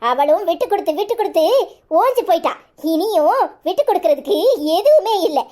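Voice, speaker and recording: A woman's voice: very high-pitched, lively intonation, brisk, warm tone. A woman voicing a proud, indignant older in-law in a cartoon, issuing cursing warnings in a Tirunelveli Tamil accent. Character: proud indignant older mother of the absent wife.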